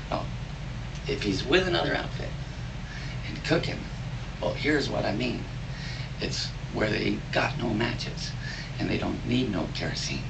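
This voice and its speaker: A man recites cowboy poetry in a folksy drawl, like a storyteller spinning a yarn. His voice is heavily creaky and gravelly, with animated rises and falls. It is a live recording, picked up from a distance with clear background noise. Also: fairly low pitch, measured pace, pauses often. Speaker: cowboy poet. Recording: distant mic, noisy live room.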